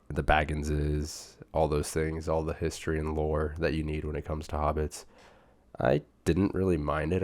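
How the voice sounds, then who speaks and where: A young man with a rumbling low, darkish voice chats through a book review for his booktube channel. Still getting over a sickness, he sounds a bit off. His style is chatty and informal, heavy on slang and fillers.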